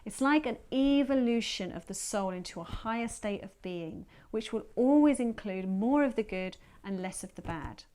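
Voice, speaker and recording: A woman therapist calmly explaining to her viewers how she guides a visualisation session. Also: a little high, normal speed, few pauses, clean tone. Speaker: therapist and teacher.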